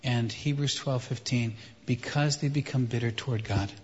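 Preacher, male, husky, echoey hall, dull sound, phrase-by-phrase delivery. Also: mid-range voice, fairly even intonation. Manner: emphatic, pauses for translation. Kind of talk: sermon in short phrases for an interpreter.

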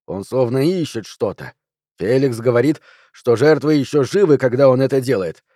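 A man's voice: mid-range voice, normal speed, dark tone, no room sound, studio quality, lightly acted. A man doing a nervous, chattering cop. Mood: grim. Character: nervous talkative male police officer on stakeout.

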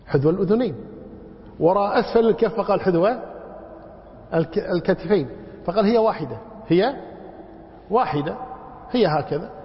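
A man's voice: sits high, lively intonation, a little fast, long pauses. A man teaching a religious lesson, demonstrating mispronunciations by drawing words out and telling anecdotes. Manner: demonstrates wrong pronunciations by drawing words out, tells anecdotes with a chuckle. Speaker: religious scholar teaching a book. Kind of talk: classroom lesson on prayer. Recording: dull lo-fi recording in a reverberant hall.

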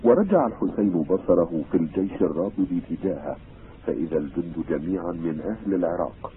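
Deep-voiced man narrating over tinny radio. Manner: formal, measured, literary reading. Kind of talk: scripted narration. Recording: tinny old radio broadcast, faint hiss.

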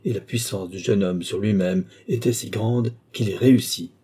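Male audiobook narrator, dark and mellow, measured delivery. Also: fairly low pitch, slightly rough.

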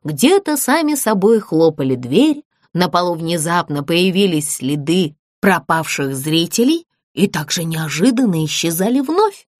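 A woman's voice: lowish voice, a little slow, hardly any pauses, no echo. Woman storyteller for children's audiobook, very dry close sound. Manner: expressive, storytelling lilt.

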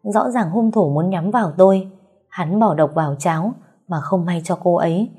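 A woman's voice: fairly low pitch, normal speed, dark tone, slightly rough, soft background music. Woman voicing a cold, grave old mistress. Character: stern elderly mistress of a household.

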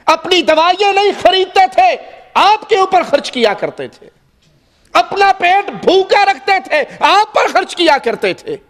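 A male preacher with a strikingly high voice delivers an impassioned sermon. He moves between quiet storytelling and forceful, shouted appeals to the congregation.

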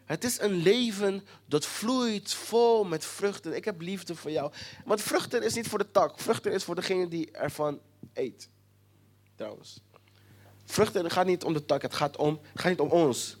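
A preacher giving a sermon with emphatic repetition, sometimes dropping to a hushed near-whisper. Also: medium pitch, measured pace.

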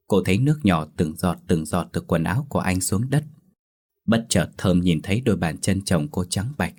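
A man narrating a ghost story in a slow, measured, suspenseful scripted style. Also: deep voice, darkish tone.

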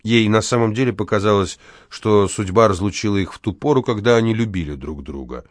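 Male narrator, low voice, theatrical reading, dry close mic. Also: fairly quick, no room sound. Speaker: audiobook narrator. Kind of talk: scripted narration.

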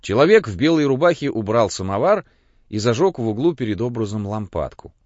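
A man narrating a classic novel as an audiobook, with measured, expressive storytelling. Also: medium pitch, no room sound. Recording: dull, muffled audio.

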